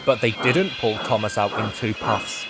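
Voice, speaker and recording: A man reading a children's storybook aloud as narrator, expressive and unhurried. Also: lowish voice, noisy background.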